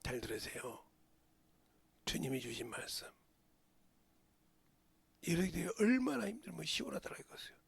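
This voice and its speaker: Gravelly, husky Korean pastor preaching. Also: male voice, fairly high pitch, big pitch swings, moderate pace, long pauses. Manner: swings from hushed whispers to sudden shouts. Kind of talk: sermon. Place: church sanctuary.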